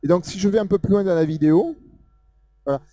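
A man with a Southern French accent giving a casual live software demo, talking loosely with many fillers as he points things out on screen. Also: high-pitched, fast, dry recording. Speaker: software presenter. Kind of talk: live technical demo talk.

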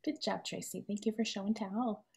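A woman hosting a networking video call, briskly calling on speakers and correcting herself as she goes. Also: mid-range voice, fairly even intonation, gravelly. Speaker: networking meeting host. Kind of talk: moderating a video call meeting.

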